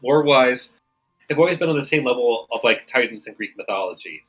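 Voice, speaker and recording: A man's voice: medium pitch, animated, a little fast, a bit bright, slightly rough, soft background music, low-quality recording. Casual man running a tabletop game. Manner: rambling, casual explanations with many fillers. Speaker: game master.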